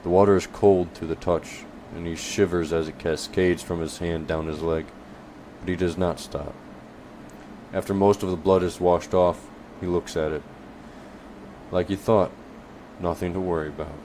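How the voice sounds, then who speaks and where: Deep-voiced male audiobook narrator. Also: steady tone, normal speed, warm tone, a little hiss or hum.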